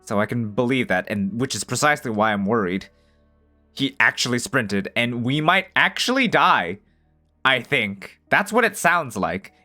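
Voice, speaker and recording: A man's voice: mid-range voice, animated, moderate pace, sharp tone, soft background music. A man reading a visual novel aloud as narration and breaking off to joke and swear in casual commentary. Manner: swears freely, jokes between narrated lines.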